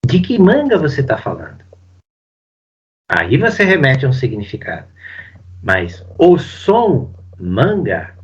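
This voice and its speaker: A man, a psychoanalyst, giving a casual spoken seminar commentary, animated and full of fillers. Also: medium pitch, highs cut off. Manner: animated, uses lots of fillers and acts out quotes. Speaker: psychoanalyst teaching Lacan.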